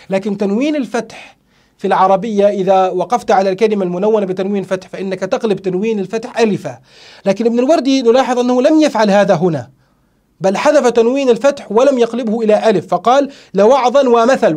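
A sheikh explains grammar and verse in a lecture, his voice notably high for a man. He talks quickly, then slows to stretch out and repeat the key phrases he wants to stress. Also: darkish tone. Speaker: sheikh teaching a classical poem.

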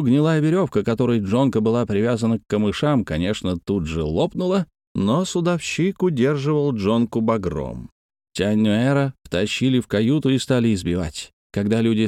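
A man narrating a story aloud, addressing his listeners, with expressive reading. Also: lowish voice, no echo, clean studio sound.

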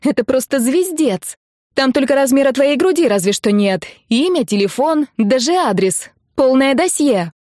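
A woman voicing a loud, excitable young woman friend who shouts in alarm in an audiobook. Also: sits high, moderate pace, no echo, studio quality, voice pushed up. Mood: shocked, shouting. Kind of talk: audiobook character voice.

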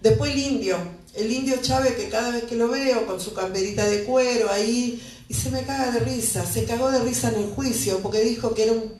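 A woman's voice: a little high, a little fast, darkish tone. Impassioned Buenos Aires woman, echoey and distant. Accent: Buenos Aires Spanish. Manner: impassioned, with repeated rhetorical questions. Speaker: mother giving testimony at a press conference. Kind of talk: emotional personal testimony. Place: press conference room. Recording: echoey room, mic far off.

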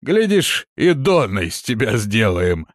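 A man voicing a carefree, mocking demon who taunts and bosses his companion gruffly. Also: on the low side, sing-song, unhurried, dry recording, clean studio sound, voice pushed up. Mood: taunting.

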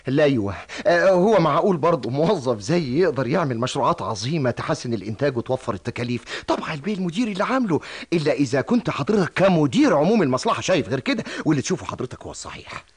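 Atiya, a fawning clerk. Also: male voice, a little high, big pitch swings, very fast, husky. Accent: Egyptian Arabic. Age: middle-aged. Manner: fawning, overly deferential, then breaks down pleading. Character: timid flattering middle-aged male clerk. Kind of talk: radio drama acting.

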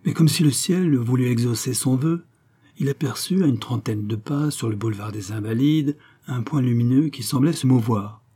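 A man narrating a classic novel in a steady, measured reading. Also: mid-range voice, husky. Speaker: audiobook narrator.

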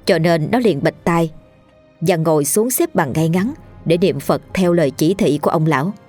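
A woman with a Southern Vietnamese accent narrating a ghost story in a lively, colloquial storytelling manner. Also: lowish voice, moderate pace, husky, faint music behind.

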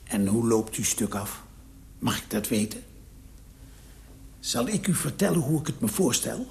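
An actor in a radio drama playing a hesitant, scheming man who speaks haltingly. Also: medium pitch, sing-song, gravelly, darkish tone.

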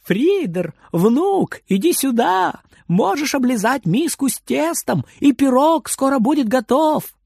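A man's voice: high-pitched, animated, a little slow, dry recording, studio quality. A man voicing an old grandmother in a storybook reading, scolding and fussy in a raised voice. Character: old grandmother, cross but loving.

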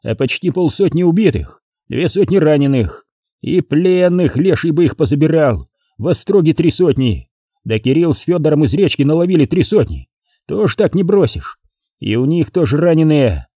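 A man's voice: a little high, sing-song, a little slow, mellow, no echo, clean studio sound, pitched above the performer's own voice, heavily acted. A man voicing a blunt old war commander who barks orders and grumbles. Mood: grumbling.

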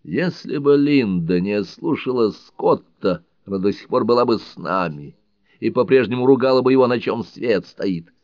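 A man reading an audiobook, voicing a thoughtful, skeptical middle-aged man who speaks in a measured, reflective way, on a dull lo-fi recording. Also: mid-range voice, animated, darkish tone, no room sound, close to an everyday voice.

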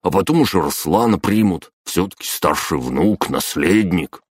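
Rough deadbeat dad, pushy and wheedling , played by the male reader, dry close sound. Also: low voice, lively intonation, measured pace, no room sound, pitched above the performer's own voice, heavily acted. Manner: pushy, wheedling, rising to panicky. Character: rough, begging deadbeat father, middle-aged man.

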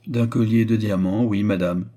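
A sly noblewoman, read by a man in a low, husky voice, answering with guarded, false meekness. She sounds humble on the surface but insolent beneath, in a spoken storybook. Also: steady tone, normal speed, dark tone, lightly acted. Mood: feigned meekness. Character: scheming noblewoman, feigning humble innocence. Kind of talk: audiobook reading.

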